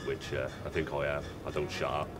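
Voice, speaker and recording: A man's voice: rumbling low, monotone, fairly quick, music in the background. A young man who works as a bingo caller, giving casual interview answers. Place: bingo hall, indoors. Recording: distant mic, noisy room ambience.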